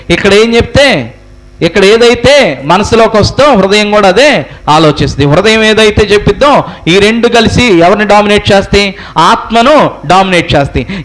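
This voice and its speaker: High-pitched guy preaching, keeps asking the crowd questions and saying stuff twice. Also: a bit bright, rough recording. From India. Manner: preaching with many rhetorical questions to the congregation; repeats phrases for emphasis. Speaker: pastor. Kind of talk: sermon.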